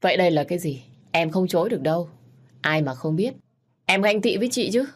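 A woman's voice: fairly low pitch, expressive, brisk. A woman voicing a scheming, two-faced young woman who talks sweetly and shrilly. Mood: accusing.

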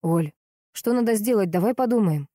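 Worried dad pushing for answers, read by a woman, low dark tone, dry close sound. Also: expressive, normal speed, no room sound, lightly acted. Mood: anxious. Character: worried young father, firm and anxious.

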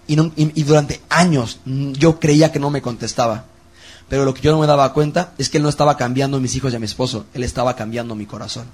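A man in his thirties with a Mexican Spanish accent, giving an emotional testimony sermon to a youth camp, acting out his prayers as he goes and dropping to a hush on key words. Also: medium pitch, steady tone, quick pace, slightly rough. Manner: dramatic, quotes prayers, swings loud and hushed.

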